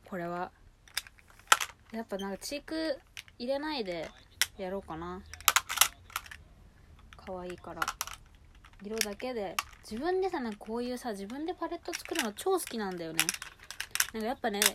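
A woman chatting casually and without a script as a show host, gushing excitedly and muttering asides to herself as she handles things. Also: mid-range voice, noisy background. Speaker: host of a personal audio show. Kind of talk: casual unscripted chat to listeners while unboxing and sorting cosmetics.

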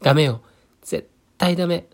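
A man's voice: on the high side, moderate pace, pitched above the performer's own voice. Man voicing a mother bird, storybook, firm and scolding, slightly raised voice.

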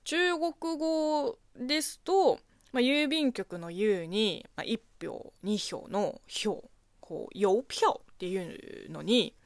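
Lively woman podcaster. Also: on the high side, takes it slowly, no echo, clean studio sound. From China. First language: Chinese. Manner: chatty, expressive, answers listener letters. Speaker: podcast host. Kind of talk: casual solo radio talk.

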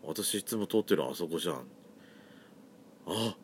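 A man from Yamagata with a Yamagata accent chats solo on his podcast in a fairly low voice. His pitch swings widely and lively as he talks. The phrasing is chatty and campy. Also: moderate pace, a little hiss or hum. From Yamagata, Japan. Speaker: podcast host. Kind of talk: solo casual chat.

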